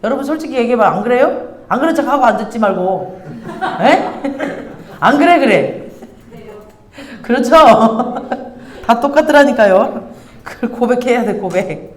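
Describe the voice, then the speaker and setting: A woman pastor preaching a sermon in a lively, teasing, conversational way, acting out scenes for her congregation. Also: on the high side, unhurried, pauses often. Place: church hall. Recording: roomy church hall echo.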